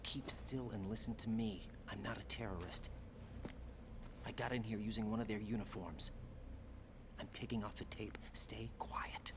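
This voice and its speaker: An American actor playing a wary, earnest male infiltrator in a video game, speaking in a hushed way. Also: fairly low pitch, steady tone, unhurried. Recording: game audio with clear background noise.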